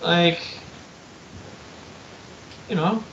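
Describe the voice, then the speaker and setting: A man's voice: high-pitched, fairly even intonation, a bit bright, lo-fi sound, a little hiss or hum. A young man on a live stream, chatting casually and swearing freely, with frequent restarts. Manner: loose, profane, halting restarts. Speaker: co-host.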